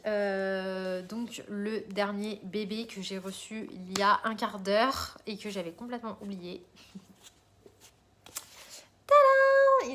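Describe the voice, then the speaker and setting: A woman vlogger with a mid-range, pushed, bright voice chats casually while showing off her coloring purchases. She rambles, using lots of fillers and restarting often.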